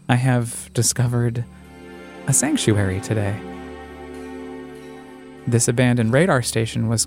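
A man from the United States narrating a scripted first-person audio essay in a reflective, deliberate way. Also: mid-range voice, darkish tone. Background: music.

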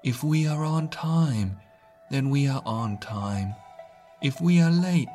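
A man voicing Acceptance, a calm emotion who speaks in a serene, philosophical way. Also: medium pitch, takes it slowly, faint music behind.

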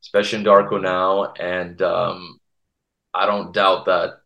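A young man giving halting, earnest answers in a casual podcast interview. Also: sits low, level tone, creaky, echoey room, dull audio. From Toronto, Canada. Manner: earnest, halting, many restarts. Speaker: guest from a Serbian community TV channel.

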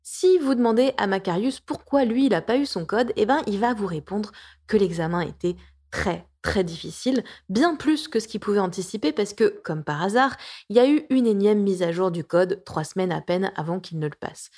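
A woman's voice: mid-range voice, animated, normal speed, warm tone. A woman of around forty who hosts a podcast as a coach and therapist. She reads her blog articles aloud in a playful, jokey way, with self-mocking asides and plenty of hesitant restarts. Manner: chatty, with frequent hesitations and restarts.

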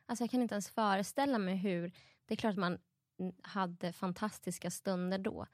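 A woman's voice: medium pitch, darkish tone, no room sound. Candid young woman, dry close sound. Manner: candid, reflective, often trailing off. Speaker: guest. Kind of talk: casual chat.

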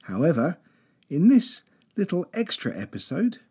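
A man's voice: on the high side, huge pitch swings, moderate pace, darkish tone, husky. A man hosting a comedic podcast with friends, slipping into a mock radio-presenter delivery, often stumbling and repeating words. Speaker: podcast host.

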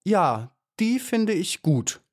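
A man voicing a shy, polite young female bee in a storybook audiobook, in a higher voice. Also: big pitch swings, takes it slowly, exaggerated voice. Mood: timid. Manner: timid and polite.

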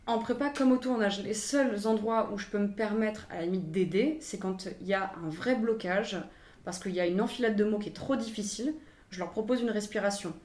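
A young woman in her twenties answers interview questions with a mid-range voice. She talks in a halting way, full of fillers and restarts. The sound is roomy and echoey. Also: medium pitch, a little mellow. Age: 20s. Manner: hesitant, many fillers and restarts. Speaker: language coach for actors.

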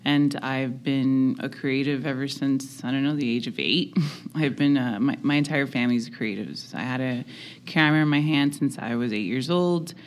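A woman's voice: a bass voice, normal speed. A woman from Miami, a podcast guest chatting casually and laughing easily. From Miami, United States. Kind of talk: casual interview chat.

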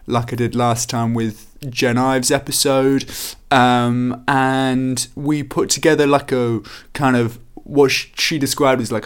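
A man's voice: medium pitch, smooth. A man hosting a podcast in casual chat, rambling and self-mocking with lots of fillers. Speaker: podcast host.

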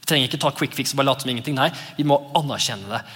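A male pastor in his thirties giving a lively, conversational sermon, sometimes acting out voices in his exclamations. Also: mid-range voice. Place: church. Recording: long church reverb.

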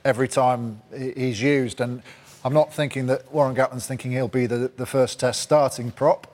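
Brief: male pundit, measured analysis, mid voice. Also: mid-range voice, steady tone, darkish tone. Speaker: studio pundit. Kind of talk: studio analysis.

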